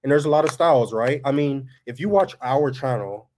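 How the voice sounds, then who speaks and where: Talking brisk and easy to his viewers, a man hosts a family farm vlog in a relaxed, folksy manner. His voice is mid-range and monotone.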